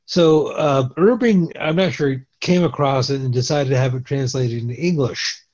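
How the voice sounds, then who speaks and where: A man, a guest on a remote call, explaining things in a measured way with many pauses while his connection breaks up and cuts out. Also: medium pitch, a little mellow. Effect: bad connection, voice breaking up and cutting out. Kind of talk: remote conversation, explaining history at length. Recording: dull lo-fi call line that keeps dropping out.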